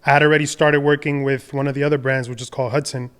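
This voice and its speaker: A young adult man from the Dominican Republic, a podcast guest telling his career story in a relaxed, rambling way with many fillers and restarts. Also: medium pitch, rapid-fire, clean tone. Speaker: podcast guest, designer and entrepreneur. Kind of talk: casual conversational storytelling.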